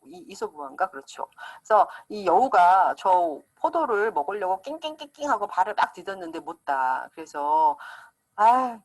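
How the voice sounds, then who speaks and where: A woman's voice: fairly low pitch, moderate pace, few pauses. A woman lecturing on psychology in a conversational way, acting out quoted examples. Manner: lively, acts out quoted speakers.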